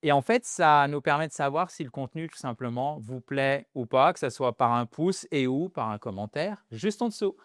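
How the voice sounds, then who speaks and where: A man's voice: medium pitch, expressive, moderate pace, few pauses, no echo, clean studio sound. A man with a French accent teaching an English lesson, patiently repeating and spelling out pronunciation.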